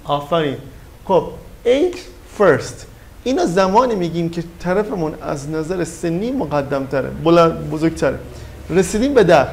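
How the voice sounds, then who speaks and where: A man's voice: on the high side, lively intonation, gravelly. A man teaching a class, explaining English phrases and quizzing his students. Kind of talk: classroom language lesson.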